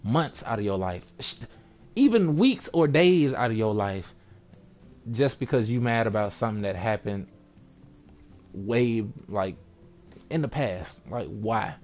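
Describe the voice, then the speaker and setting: A man's voice: fairly low pitch, expressive, measured pace, long pauses, darkish tone. Laid-back young man ranting casually. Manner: laid-back, rambling, sarcastic mock voices. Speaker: vlogger. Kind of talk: casual rant to camera.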